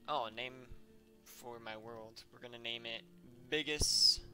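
A man hosting a casual let's-play gaming video, excitable and full of exclamations. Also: mid-range voice, measured pace. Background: faint game music.

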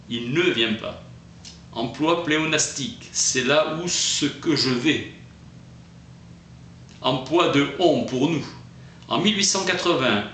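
A man's voice: mid-range voice, pushed and bright. A man reading a book summary aloud as terse notes, with occasional restarts. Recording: echoey room with faint noise.

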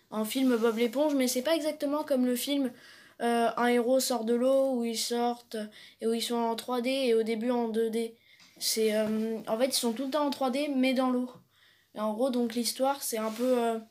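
A woman's voice: fairly high pitch, darkish tone. A woman casually recapping upcoming films as a vlogger, hesitant and rambling with many fillers.

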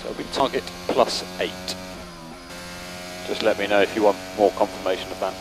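A man's voice: low voice, steady tone, normal speed. A male race engineer giving terse, matter-of-fact updates over race car radio. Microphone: radio headset. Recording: noisy team radio, car noise.

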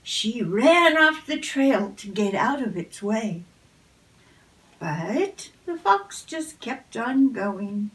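Slow, gentle woman reading a storybook. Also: fairly high pitch, big pitch swings, far from the mic. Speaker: storybook reader. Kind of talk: reading a picture book aloud.

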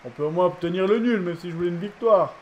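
High-voiced tired gamer. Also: male voice, fast talker, slight background noise. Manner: excitable, shouts at the referee and players. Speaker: gaming YouTuber. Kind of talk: casual game commentary.

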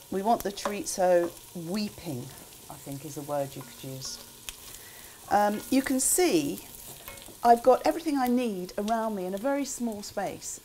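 An older woman with a relaxed, chatty manner, talking through a recipe in a small kitchen. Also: medium pitch, slight background noise. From England. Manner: chatty, relaxed asides with frequent ums. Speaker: cookbook author demonstrating a recipe. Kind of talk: casual cooking demonstration. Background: food sizzling in a pan.

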